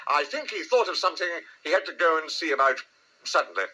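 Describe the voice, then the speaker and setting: A man's voice: a little high, lively intonation, fairly quick, pushed and bright, voice pushed up, poor audio. A man voicing a simple, bumbling bear in a storybook reading, artless and earnest. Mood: innocent, improvising.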